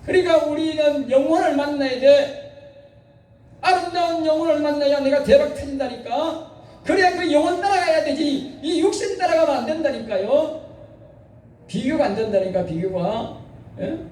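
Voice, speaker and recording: A pastor with an extremely high, darkish voice preaches at normal speed in a church sanctuary, urging his congregation on and repeatedly asking for their response. The sound is distant and echoey, as if captured from across the hall.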